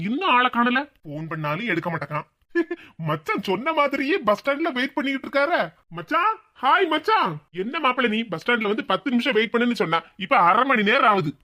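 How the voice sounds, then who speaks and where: A man's voice: very high-pitched, pushed and bright, full character voice. A man voicing two young village men in a cartoon, friends and brothers-in-law, bantering with melodramatic comic flourishes in a Tirunelveli Tamil accent. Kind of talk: cartoon voice acting. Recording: dull lo-fi sound.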